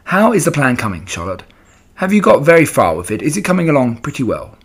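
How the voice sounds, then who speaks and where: An anxious, childlike little pig from a storybook, played by a man, pitched up high and a bit husky. He pleads earnestly and asks one question after another, with lively swings in pitch. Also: quick pace. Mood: eager.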